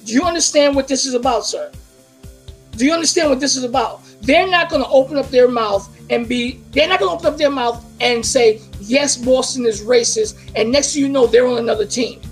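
Very high-voiced man firing pointed questions. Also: a little fast, faint music behind. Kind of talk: heated panel debate.

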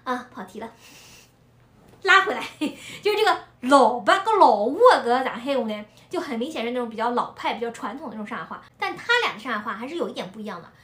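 Woman, animated storyteller, bright sharp tone. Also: fairly high pitch, fast, roomy sound. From Shanghai. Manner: animated storytelling, laughs often. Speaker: video creator discussing a film. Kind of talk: casual chat.

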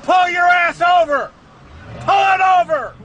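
Man on a bullhorn, very high and strained, slow deliberate commands, muffled outdoor clip. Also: fairly bright tone, a faint crowd, slight background noise. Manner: barking repeated commands, profane. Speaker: citizen confronting a police officer. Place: outdoors by a road.

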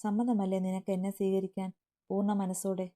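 A woman reading the lines of a tender, devoted young man in a storybook romance, in a soft pleading way. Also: medium pitch, flat delivery, fairly quick, close to an everyday voice.

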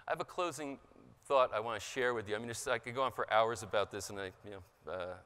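A man giving an impassioned motivational seminar talk, raising his pitch for emphasis, recorded in a large conference hall. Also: fast talker, fairly bright tone, clean tone. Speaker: seminar speaker. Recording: large hall with long reverb.

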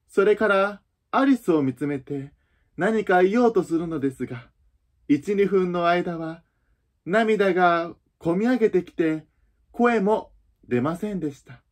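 A man narrating a children's storybook in a calm, even reading voice, with the odd slip and restart. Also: high voice, measured pace.

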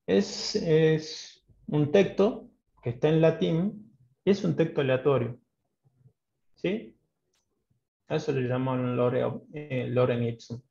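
Gravelly-voiced Salta-accented man teaching code. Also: on the high side, dark tone. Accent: Argentine, from Salta. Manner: explains patiently, often checks in with a questioning "¿sí?". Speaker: programming teacher. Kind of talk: online coding class. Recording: dull roomy online class audio.

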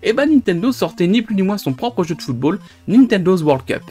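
A man's voice: high voice, very animated, a little fast, dark tone, faint music behind. A man hosting a retro gaming video, chatting loosely with many hesitations and restarts. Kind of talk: casual gameplay commentary.

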